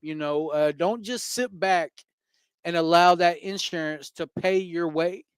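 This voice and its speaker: High-voiced, earnest man sharing recovery advice. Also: a little slow, clean tone, dry recording. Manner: earnest, rambling with many fillers. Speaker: co-host. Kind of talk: casual recovery talk.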